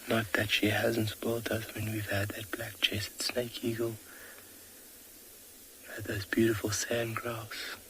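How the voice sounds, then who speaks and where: Hushed whispering man outdoors. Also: on the low side, monotone, a little slow, rough recording. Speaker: safari guide. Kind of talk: whispered live wildlife commentary. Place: outdoors at a watering hole. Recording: outdoor ambience noise.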